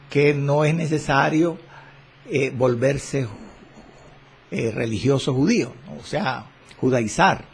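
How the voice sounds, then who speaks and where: Slow gravelly-voiced male Bible teacher. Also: medium pitch, slight background noise. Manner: slow, deliberate preaching with prayer.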